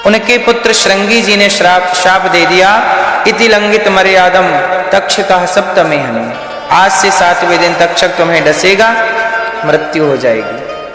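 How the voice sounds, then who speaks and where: High-voiced male preacher in an echoey hall. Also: bright, forceful tone. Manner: slow, questioning the audience directly. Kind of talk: Hindi scripture discourse. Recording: echoey hall with faint music.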